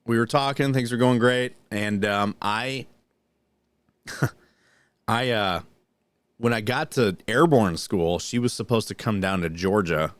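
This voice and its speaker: A man's voice: on the low side, slow pace, pauses often, fairly bright tone, clean tone, no echo. A man co-hosting a podcast who tells a long story in casual chat and then reads news items. He talks in a rambling, profane way, with many restarts and fillers. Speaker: podcast co-host.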